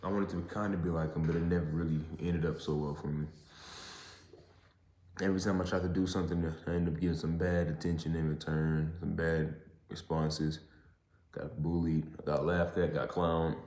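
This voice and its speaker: Deep-voiced young man in an echoey garage. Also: level tone, a little mellow. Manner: halting, repeats and rephrases himself. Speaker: podcast host. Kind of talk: casual solo monologue. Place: parking garage.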